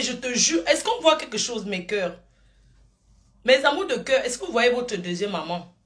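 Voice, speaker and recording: A woman's voice: a little high, a bit bright. A middle-aged woman and grandmother rambling on a live stream, showering her viewers with pet names and drifting between topics.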